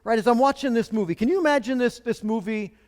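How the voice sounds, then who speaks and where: A man's voice: very high-pitched, fast, a little mellow, in a large hall. A man preaching a sermon as pastor, in a conversational way with rhetorical questions.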